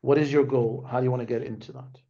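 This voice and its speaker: Fast-talking and creaky, this mid-range male voice keeps a steady tone, with highs cut off by the video call microphone. Raised in Denmark, he's a tech executive guesting on a webinar over a remote call, speaking conversationally, restarting phrases and adding "right?" often.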